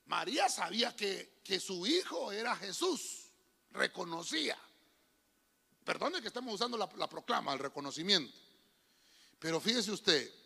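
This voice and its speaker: A man's voice: sits high, creaky, pushed and bright, slightly rough. A man preaching a sermon, calling out to the congregation and often calling them brother. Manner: calls out to congregation, repeats "hermano". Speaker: pastor. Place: church hall. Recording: long hall reverb.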